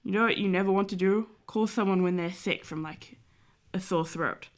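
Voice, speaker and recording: While drawing on stream, a young woman rambles casually and uses many fillers. She has a medium-pitched voice at a moderate pace, nasal and congested from a cold.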